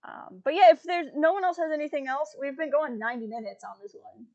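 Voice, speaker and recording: A woman's voice: high-pitched, fast talker, a little mellow, highs cut off. A woman hosting a casual livestream chat, talking loosely with lots of fillers and laughing easily. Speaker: livestream host.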